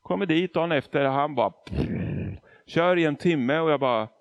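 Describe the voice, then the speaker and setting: Gravelly man telling a testimony sermon. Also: on the high side, lo-fi sound. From Argentina. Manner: storytelling, acts out quotes, emphatic. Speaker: preacher.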